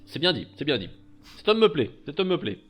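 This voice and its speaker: A man's voice: fairly high pitch, very animated, fairly quick, a bit bright, husky, pitched above the performer's own voice, heavily acted. A man voicing a jovial, pompous merchant master in a tabletop game, effusive and repeating himself. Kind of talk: tabletop role-play.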